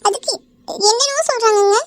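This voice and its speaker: A performer doing a frantic cartoon mother with a piercingly high, squeaky voice. She pleads and sobs in a rapid rush of words. The recording is close and dry. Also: fairly bright tone, dry recording. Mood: tearful pleading. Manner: pleading, sobbing. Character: distraught mother, middle-aged woman, tearful. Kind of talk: animated cartoon dialogue.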